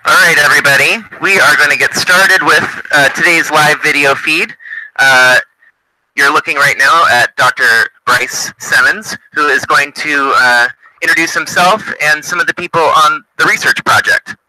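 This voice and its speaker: A man hosting a live video feed, introducing the next speaker in a brisk, informal way. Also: a little high, sharp tone, no room sound, poor audio. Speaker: host.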